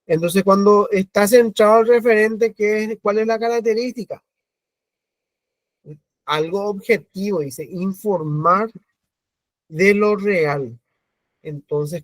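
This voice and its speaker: Paraguayan male teacher, high-pitched, unhurried online lecture with lots of questions to students; dry sound. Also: dry recording. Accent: Paraguayan Spanish. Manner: explains slowly, repeating himself and asking the class questions. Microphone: video call.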